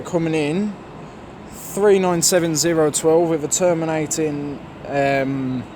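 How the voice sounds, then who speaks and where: A man giving casual, off-the-cuff train commentary with grumbling, sarcastic asides. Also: on the high side. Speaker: trainspotting video maker. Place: large railway station concourse or platform. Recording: noisy railway station ambience.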